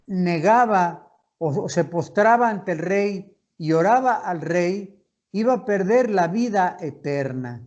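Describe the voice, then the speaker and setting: A man with a fairly high voice teaching a Bible study. He reads scripture slowly and deliberately, pausing often and restarting phrases as he explains the passage. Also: darkish tone, muffled recording. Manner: slow, deliberate reading with pauses and restarts.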